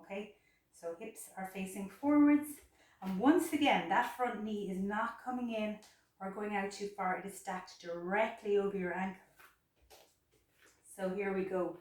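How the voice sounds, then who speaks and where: A woman teaching yoga poses in a chatty, instructive way, a little out of breath, recorded from a distance. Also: medium pitch. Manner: chatty, instructive, repeats words for emphasis. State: slightly out of breath. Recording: very echoey room, mic far off.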